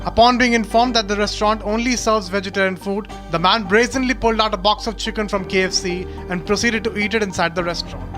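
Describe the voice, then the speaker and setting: High-pitched male news narrator over music. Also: fairly even intonation, fast talker, few pauses. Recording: prominent music bed.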